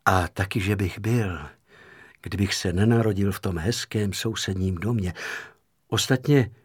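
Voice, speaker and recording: A man reading the part of a cheeky, meek young suitor in a storybook, in a wry, playful, breathy voice. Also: mid-range voice, very animated, dry recording, clean studio sound.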